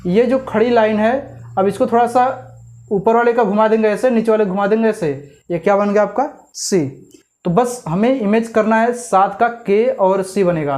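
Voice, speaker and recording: A man teaching a memory trick, explaining step by step and often checking with "clear?" and questions to the viewer. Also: high-pitched, moderate pace, darkish tone. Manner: repeats "clear?" and asks rhetorical questions.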